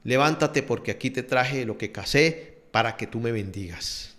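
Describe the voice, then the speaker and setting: A preacher voicing a pleading grown son. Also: male voice, medium pitch, animated, normal speed, fairly bright tone, pitched below the performer's own voice, natural voice. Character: grieving adult son pleading with his father.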